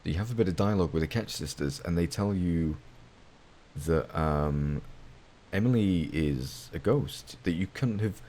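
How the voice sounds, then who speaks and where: A man's voice: sits low, moderate pace, mellow. A man commentating casually while playing a video game, thinking aloud and rambling. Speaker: gamer playing through a game. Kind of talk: casual let's-play commentary. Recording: game music faint underneath.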